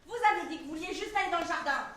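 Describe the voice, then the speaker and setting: A woman's voice: very high voice, very fast, bright, forceful tone. An actress playing a fussy, anxious mother who scolds and frets, on stage. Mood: fretful. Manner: fretful, scolding. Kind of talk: stage acting. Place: theater stage. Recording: distant stage recording in an echoey theater.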